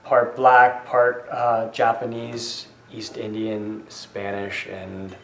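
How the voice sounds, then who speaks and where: A young man from Colorado answering interview questions slowly, listing things with pauses. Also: lowish voice, monotone. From Denver, Colorado. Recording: echoey room.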